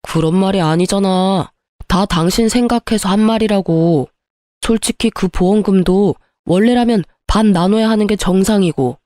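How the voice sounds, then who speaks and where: A woman puts on a greedy ex-husband who blames and justifies himself at every turn. The voice is soft and mellow, recorded close and dry, as in a narrated audio story. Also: medium pitch, moderate pace, no room sound, natural voice. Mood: defensive. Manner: accusing, self-justifying. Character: greedy, indignant ex-husband, adult man.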